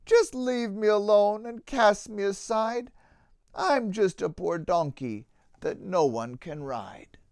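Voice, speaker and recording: A man's voice: sits high, slow pace, darkish tone, no echo, studio quality. A man voicing a small, sad, timid donkey in a children's storybook, pleading and full of self-doubt. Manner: pleading, plaintive.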